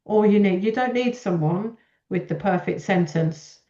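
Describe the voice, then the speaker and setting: A woman's voice: medium pitch, normal speed, warm tone. A woman hosting a casual chat, effusive and encouraging towards her guest. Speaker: podcast host. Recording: echoey room, slightly dull audio.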